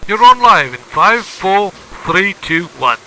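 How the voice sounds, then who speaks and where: A male studio announcer gives a showy intro and counts down to air. His voice is high and bright. The pitch swings widely from phrase to phrase. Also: sing-song, slow pace, a little hiss or hum, rough recording.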